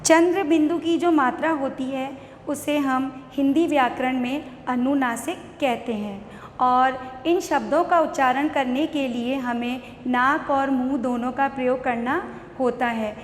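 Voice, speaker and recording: Woman, Indian accent, primary teacher, high voice, unhurried, spells words out slowly, roomy echo. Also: steady tone, slight background noise. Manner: slow, syllable-by-syllable spelling aloud. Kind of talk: online class for young children. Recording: echoey room with long reverb.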